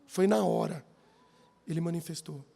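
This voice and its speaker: A man's voice: on the high side, normal speed, creaky, husky. A man with a Brazilian Portuguese accent preaching a sermon in a church hall, telling stories and often addressing the audience as brothers. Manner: lively, keeps calling the audience brothers. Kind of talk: sermon with personal storytelling.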